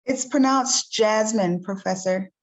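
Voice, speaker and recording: A woman's voice: a little high, measured pace, natural voice, low-quality recording. A woman reading a polite nonbinary student. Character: young nonbinary college student correcting the professor. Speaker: student leader reading a training scenario. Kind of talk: read-aloud role-play scenario.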